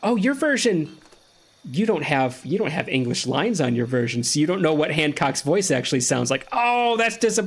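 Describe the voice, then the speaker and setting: A man's voice: on the high side, sing-song, moderate pace, breathy edge. A man giving casual, joking let's-play commentary while chatting with a friend. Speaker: gaming streamer.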